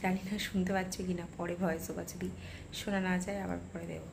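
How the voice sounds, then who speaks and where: A Bengali-accented woman vlogs in a hushed, half-whispered voice at home before dawn. Her phone recording carries a clear hiss of background noise. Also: fairly low pitch, flat delivery, quick pace. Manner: hushed, half-whispered talk so as not to wake the family. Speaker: vlogger. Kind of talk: casual vlog chat.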